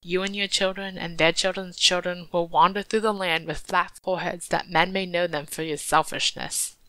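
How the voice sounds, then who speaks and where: A woman's voice: fairly low pitch, fairly even intonation, normal speed, a bit bright, no room sound, natural voice, low-quality recording. A woman reading a storybook, voicing a careless man who begs for shelter. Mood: mocking. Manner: pleading, later mocking. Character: careless outdoor man who becomes a kangaroo.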